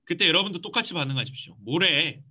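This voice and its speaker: Bright-voiced man preaching to youth. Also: fairly high pitch, fast talker. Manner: lively, acts out quoted voices. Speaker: youth pastor. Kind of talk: youth sermon. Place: church.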